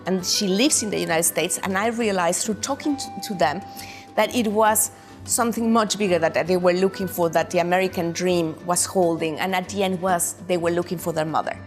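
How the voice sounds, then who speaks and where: A woman's voice: on the low side, fairly quick, faint music behind. Reflective Mexican woman film director. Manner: searching, restarts mid-sentence, reflective. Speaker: documentary director. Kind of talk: interview answers.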